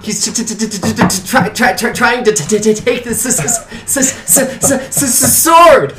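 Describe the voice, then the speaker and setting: Man as old father, panicky, heavy stutter, pitched up, roomy sound. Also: expressive, normal speed, music in the background. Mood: frantic stammer. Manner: frantic stammering, shrill.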